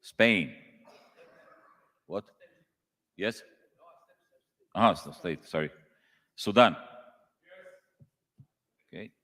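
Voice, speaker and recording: In a large conference hall, a congress official with a deep, slightly bright voice slowly calls the roll at a meeting. He reads out country names one at a time, and the recording carries a long hall reverb.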